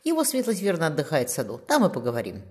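A woman's voice: low-pitched, wildly swooping pitch, fast talker, a little mellow. A woman voicing a middle-aged samurai father in an audiobook. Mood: solemn.

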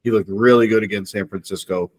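A low-voiced man chatting with friends on a podcast. He rambles through long stretches of analysis without pausing for others. The sound is close and dry. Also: steady tone, no echo. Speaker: podcast co-host. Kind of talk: casual chat among friends.

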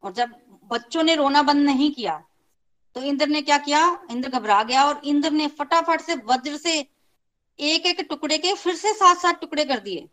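A woman casually retells a scripture story, speaking conversationally to her listeners, repeating phrases for emphasis and mixing in English words. Her voice is high and fairly bright, at a normal pace, and the recording is rough.

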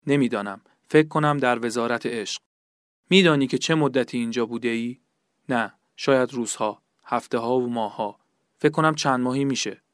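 A man reading aloud and voicing a tortured male prisoner who begs for the pain to stop, in a smooth, clear voice. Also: medium pitch, no room sound, studio quality, pitched below the performer's own voice, lightly acted. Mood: weak, dazed. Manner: pleading, breaking under pain.

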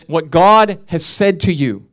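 A man preaching a sermon as a pastor, swinging from loud emphatic peaks to quiet storytelling, with rhythmic repetition. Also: fairly high pitch, lively intonation, takes it slowly.

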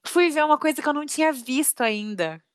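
A woman's voice: sits high, lively intonation, a little fast. A young adult woman in a casual chat, talking emotionally with lots of fillers.

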